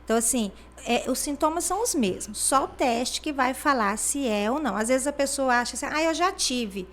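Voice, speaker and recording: This guest, a regional health superintendent from Brazil, speaks in a high-pitched voice with lively intonation and a fairly quick pace. Her interview answers are explanatory and full of fillers such as "né", and she performs the voices of people she quotes.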